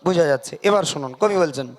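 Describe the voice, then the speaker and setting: A man preaching a sermon at a religious gathering over a PA microphone, singing drawn-out devotional verses and calling on the crowd to answer aloud. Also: fairly high pitch, animated. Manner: chants drawn-out devotional verses, then preaches in quick bursts; calls on the crowd to respond aloud. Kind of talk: Bengali waz sermon with sung verses.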